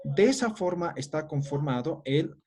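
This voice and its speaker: A man's voice: a little high, animated, normal speed, darkish tone, breathy edge. A middle-aged man teaching a language class, explaining step by step and checking in with listeners after nearly every phrase. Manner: explanatory, tag questions after each phrase. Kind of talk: classroom-style lecture.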